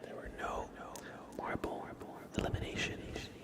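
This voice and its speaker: A man hosts a casual ASMR livestream, murmuring in a soft, hushed whisper right up against the microphone. He takes his time, never hurrying.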